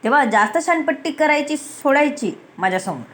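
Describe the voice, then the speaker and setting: A woman's voice: lively intonation, fairly quick, fairly bright tone. Woman doing a stern domineering male boss. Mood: menacing. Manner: low, stern, threatening.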